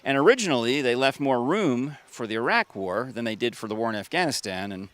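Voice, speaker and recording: A man's voice: medium pitch, expressive, brisk, a bit bright. A man hosting a local TV feature outdoors in a city park, giving an upbeat, folksy tour-guide delivery. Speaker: TV host. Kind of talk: TV feature presenting.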